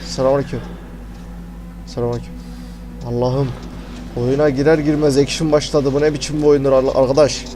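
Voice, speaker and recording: A man commentating a horror game, panicky and swearing, muttering prayers and often dropping to a hushed voice. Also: fairly high pitch, flat delivery, fast, hardly any pauses, music in the background, poor audio. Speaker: gamer.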